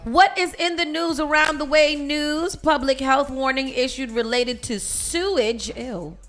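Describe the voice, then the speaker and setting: A woman's voice: high-pitched, steady tone, unhurried, fairly bright tone, soft background music. Chatty woman hosting morning radio. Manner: chatty, reads weather and news aloud with reactions. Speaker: radio show host. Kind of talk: casual morning radio chat, reading news.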